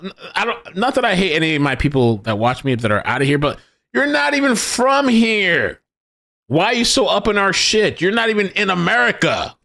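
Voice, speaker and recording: A young man hosting a casual livestream, mocking commenters in a profane, animated rant. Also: high-pitched, vocal fry. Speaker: livestream host.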